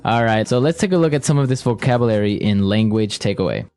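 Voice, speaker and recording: A man's voice: on the low side, animated, fast, a little mellow. A man co-hosting a conversational English lesson, explaining step by step and checking with short questions. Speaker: podcast co-host and English teacher.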